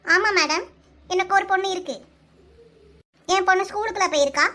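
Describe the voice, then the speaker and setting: A woman's voice: very high voice, a little fast, pushed and bright. A woman voicing a forgetful, polite young mother in a cartoon, speaking with a Kanyakumari Tamil accent and a puzzled, giggly manner. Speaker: kidnapped passenger. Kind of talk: cartoon voice acting.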